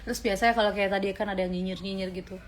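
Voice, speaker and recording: A woman's voice: medium pitch, steady tone, very fast. A woman in her twenties talking casually on a livestream, answering viewers' questions with earnest, faith-centred advice. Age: 20s.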